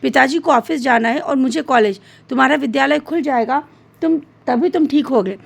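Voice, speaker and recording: A woman's voice: high-pitched, moderate pace, gravelly, heavily acted. A woman voicing an irritable, impatient mother in a storybook tale, scolding her son sharply. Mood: irritated.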